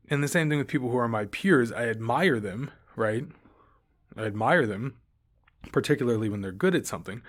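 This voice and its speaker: Low-voiced opinionated man reviewing a book. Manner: opinionated, rambling, dismissive asides. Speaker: podcast host. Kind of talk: casual solo book review.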